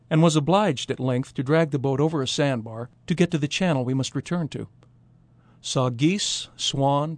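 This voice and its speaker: A man's voice: medium pitch, no room sound, lightly acted. An actor playing an expedition captain of the early 1800s, reading out terse, matter-of-fact field notes from his journal. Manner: clipped observational field-note phrasing.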